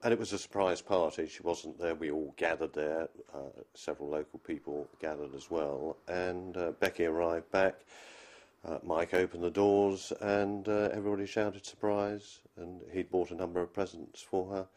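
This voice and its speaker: Older man, interviewee, very deep voice, halting, fillers. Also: fairly even intonation, darkish tone. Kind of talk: casual recollection.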